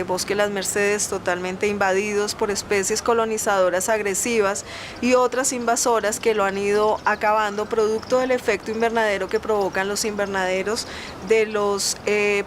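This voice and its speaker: A woman giving a formal technical explanation for a documentary. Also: mid-range voice. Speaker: botanical garden representative. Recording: vehicle noise in the background. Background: ambient noise and vehicles.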